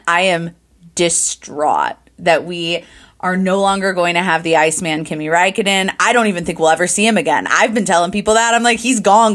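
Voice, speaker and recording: A woman's voice: lowish voice, fairly bright tone. A young woman co-hosting a casual podcast chat, talking in a chatty, playfully dramatic way and often laughing. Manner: chatty, giggly, playfully exaggerated. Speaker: podcast co-host.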